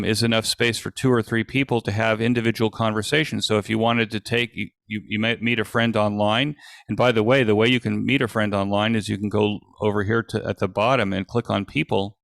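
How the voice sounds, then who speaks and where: A man with a gravelly voice on the low side gives an informal live software demo as an event presenter on a video call. He explains haltingly, stopping and starting, and the sound is clean studio audio without room sound.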